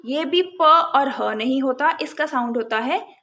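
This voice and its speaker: A woman teaching phonics, breaking words into separate sounds and then blending them, in a calm lesson. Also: high-pitched, measured pace, lo-fi sound. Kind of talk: slow, sound-by-sound phonics lesson in Hindi-English mix.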